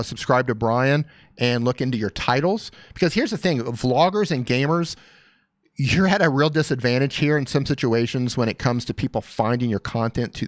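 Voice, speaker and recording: This YouTube coach reviews channels on a live stream, speaking in a medium pitch with no echo in the audio. His advice is casual and upbeat, and he reads out comments from viewers.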